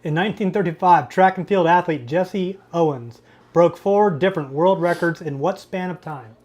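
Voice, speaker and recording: A man's voice: high voice, normal speed, darkish tone. A man co-hosting a casual livestream trivia game, reading questions aloud and teasing the chat. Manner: reads questions and teases the chat. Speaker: trivia co-host.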